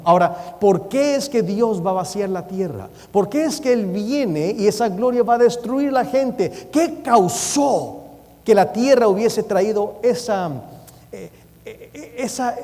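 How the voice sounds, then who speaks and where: Emphatic high-voiced male preacher. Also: dark tone. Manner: emphatic, urgent preaching, reading scripture aloud. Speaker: preacher and Bible teacher. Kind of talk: sermon. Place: church sanctuary. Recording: long reverb of a church hall.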